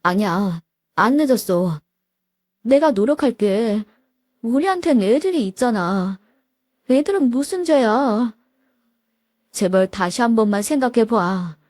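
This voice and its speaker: A soft-willed husband in his forties, begging and hesitating, as a woman narrator puts him on. The tone is mellow and the sound is dry and close. He comes across as spineless and apologetic. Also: a little high, expressive, a little slow, long pauses, dry recording. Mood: pleading. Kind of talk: storytelling with voiced dialogue.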